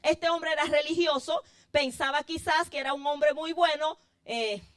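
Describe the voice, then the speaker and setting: A woman preaches a sermon in a high voice. She talks fervently, lifting and dropping her emphasis as she calls on her listeners as brothers. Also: normal speed, fairly bright tone.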